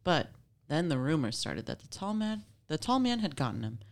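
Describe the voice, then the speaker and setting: A woman's voice: deep voice, sing-song, normal speed. A woman casually reading a scary story aloud, with playful, informal asides. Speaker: story reader.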